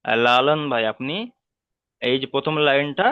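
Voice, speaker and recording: A patient man teaches an online class at an ordinary pitch, repeating every rule slowly and carefully. His voice is dry and close, with the dull, muffled sound of a computer mic on a video call. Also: steady tone, smooth, no room sound. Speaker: Quran reading teacher.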